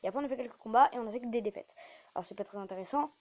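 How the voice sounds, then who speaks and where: A woman's voice: a little high, racing, dark tone. A woman giving casual, rambling gameplay commentary as a YouTuber, chatty and self-mocking. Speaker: gaming YouTuber.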